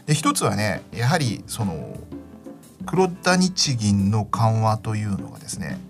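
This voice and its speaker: A man's voice: lowish voice, very animated, a little slow. A man giving conversational market commentary as a financial expert, explaining things in everyday terms. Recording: music behind the voice. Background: music.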